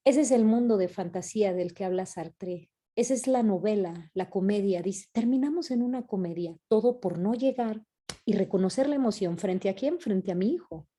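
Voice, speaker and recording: Dark-voiced woman lecturing parents. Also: mid-range voice, moderate pace. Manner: conversational, asks "¿no?" often. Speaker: speaker at online parents' conference. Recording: online video call talk.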